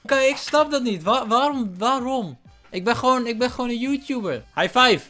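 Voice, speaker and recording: A young man, a YouTuber, chatting with strangers on a webcam, teasing and playful with sudden loud bursts. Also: very high voice, lively intonation, moderate pace, faint music behind. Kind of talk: casual video chat with strangers.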